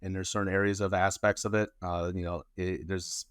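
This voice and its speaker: A man with a very deep voice talks casually about his work as a lawyer. He wanders through his answers with fillers and restarts. The sound is close and dry, with no room around it. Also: level tone, a little fast, smooth, no echo. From Colombia. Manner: rambling, many fillers and restarts. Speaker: immigration lawyer, guest.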